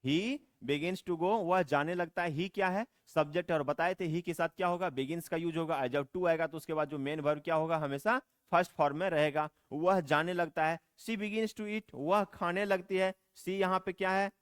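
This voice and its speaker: A man gives a grammar lesson in a smooth, clear voice that sits a little high for a man. He repeats every point and keeps asking his listeners rhetorical questions, slowing right down on each English example sentence. The sound is dry and close, with almost no room echo. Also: steady tone, fairly bright tone. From India. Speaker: spoken English teacher. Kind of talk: classroom lecture explaining grammar.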